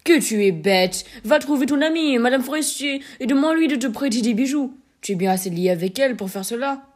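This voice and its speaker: A woman's voice: on the high side, animated, moderate pace, darkish tone. A woman reading as a flustered, eager-to-please clerk husband who coaxes and stammers. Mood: coaxing.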